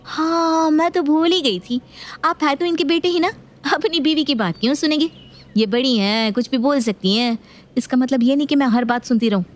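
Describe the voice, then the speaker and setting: Voicing an indignant, argumentative young daughter-in-law who talks back defiantly, a woman speaks at normal speed in a high pitch. It's raised above her own voice yet stays close to an everyday one.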